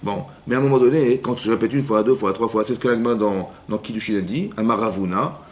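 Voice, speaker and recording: Lively rabbi teaching a class. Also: male voice, lowish voice, fast talker. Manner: lively, acts out inner voices, keeps asking "vous avez compris?". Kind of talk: Torah lesson.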